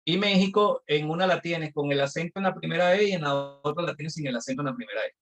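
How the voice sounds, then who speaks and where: A man's voice: on the high side, fast, a bit bright. A male instructor teaching a live online class, explaining patiently step by step with examples.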